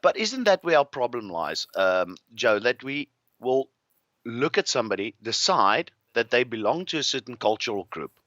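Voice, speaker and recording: A man's voice: medium pitch, very animated, normal speed, a bit bright, dry recording, muffled recording. A man with a South African accent, a guest telling rambling, restless travel anecdotes in a casual interview. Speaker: guest, farmer.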